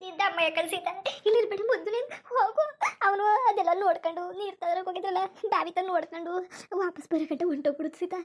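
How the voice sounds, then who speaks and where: A woman's voice: extremely high pitch, rapid-fire. A woman voicing a protective village mother in a cartoon, lamenting and urging. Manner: lamenting, urgent warnings. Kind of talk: cartoon voice acting.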